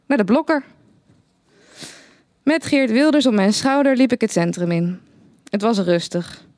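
Een vrouw leest een verhaal voor in de ik-vorm, droog en laconiek verteld. Haar stem is vrij hoog en klinkt dicht en droog opgenomen, zonder galm. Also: female voice, on the high side, moderate pace, no room sound. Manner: dry, deadpan first-person narration. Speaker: narrator. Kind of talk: reading a satirical short story aloud.

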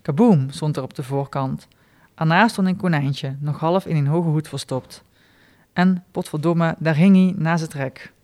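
A man reading his short stories aloud in a dry, deadpan way, with small spoken asides. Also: fairly high pitch, measured pace.

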